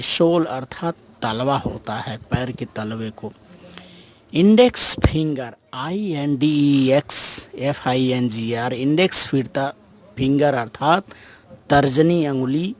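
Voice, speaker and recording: A man teaching English body-part words in Hindi. He spells each word letter by letter, then gives its meaning, stressing each new word sharply. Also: mid-range voice. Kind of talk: Hindi-medium vocabulary lesson.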